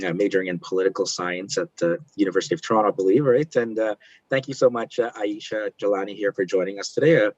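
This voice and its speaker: Deep, husky male interview host. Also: darkish tone, no echo. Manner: hesitant, many fillers. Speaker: host of a guest speaker series. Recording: dull, dry lo-fi audio.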